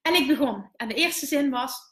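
A Dutch woman in her thirties, a business coach hosting a live stream, who tells candid, animated stories and swears now and then. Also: high-pitched, normal speed, reverberant. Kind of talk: live stream storytelling to viewers.

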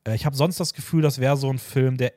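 A man's voice: medium pitch, steady tone, fast talker, darkish tone, no echo, studio quality. A man from Austria, hosting a podcast in casual chat, rambling with many fillers and restarts. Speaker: podcast host.

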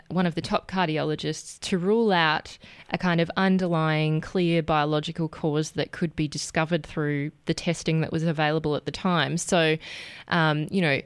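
Woman interviewer, low pitch, smooth clear voice, dry close sound. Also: no echo. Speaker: interview host. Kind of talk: radio interview.

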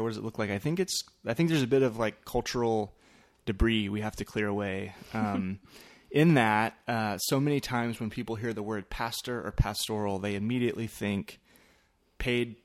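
A man hosting a podcast in a casual, explanatory way, with halting, thoughtful phrasing. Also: fairly low pitch. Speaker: podcast host, church pastor.

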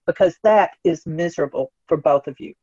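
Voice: medium pitch, fairly quick, darkish tone, breathy edge, no echo. Earnest expert guest, dull dry recording. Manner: earnest, talks in questions and acted-out quotes, tags "right?". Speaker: guest expert on organizational change. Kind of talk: conversational explaining in an interview.

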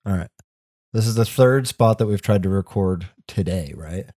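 A young man chats casually as a podcast co-host, slangy and laid-back. His voice is low and dark. It is recorded dry, with hardly any room sound. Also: animated, normal speed, dry recording. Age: young adult. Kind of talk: casual chat. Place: home basement.

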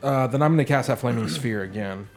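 A man's voice: medium pitch, fast talker, darkish tone, faint music behind. A man chatting casually as a player in a tabletop role-playing game.

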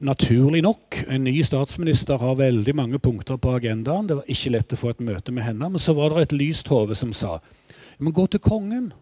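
An older man telling a personal story in a measured, reflective, somewhat halting way. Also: mid-range voice, warm tone, slightly rough, no echo. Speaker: spokesman for bereaved families.

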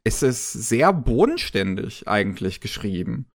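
A man's voice: lowish voice, big pitch swings, measured pace. A man in casual podcast talk, hesitant and full of fillers and restarts as he reviews an anime series.

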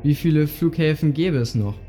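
With music behind him, a man narrates a scripted audio play through short, direct imperatives that invite listeners to picture the scene. His voice is higher and dark-toned, paced moderately.

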